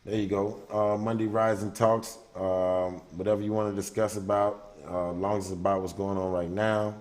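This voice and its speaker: Deep-voiced guy hosting a call-in stream, loose rambling chat, lots of ums. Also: little pitch movement, darkish tone. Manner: rambling, loose, many "um" pauses. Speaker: livestream talk show host. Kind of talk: casual call-in show chat.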